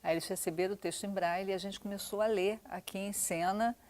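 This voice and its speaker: A woman's voice: medium pitch, steady tone, quick pace, darkish tone. A woman theater director explains her working method in a documentary interview. She speaks thoughtfully and often restarts her sentences.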